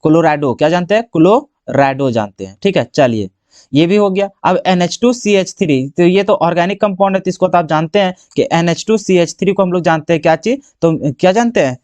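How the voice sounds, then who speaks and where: High-voiced man teaching, self-answering questions. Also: a little fast, darkish tone, dry recording. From Jharkhand, India. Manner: asks the class questions and answers them himself. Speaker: chemistry teacher. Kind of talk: exam-prep classroom lesson.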